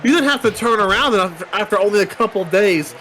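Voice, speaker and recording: Male play-by-play caller, high voice, counts the pins, chatty, noisy mic hiss. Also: animated, quick pace, fairly bright tone. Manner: counts pinfalls aloud, chatty asides. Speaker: wrestling play-by-play commentator and news host. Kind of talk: play-by-play commentary.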